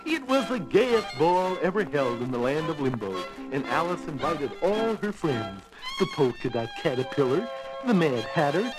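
A friendly, folksy cartoon gorilla tells a storybook tale. The voice sits fairly high for a male and swings expressively through the lines, with music playing behind it. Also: poor audio. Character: friendly pet-shop gorilla babysitter telling a bedtime fairy tale. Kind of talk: animated children's storybook narration.

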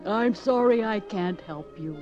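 A woman voicing Simple Simon, a dim-witted boy who talks haltingly with lots of uhs. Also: mid-range voice, dark tone, lo-fi sound, soft background music, lightly acted. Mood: sheepish. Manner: halting, hesitant with many uhs.

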